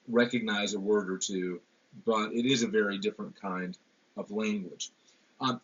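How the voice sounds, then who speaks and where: A man giving a classroom literature lecture, pausing often with ums and repeated words. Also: mid-range voice, fairly bright tone, slight background noise. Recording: dull lo-fi lecture recording.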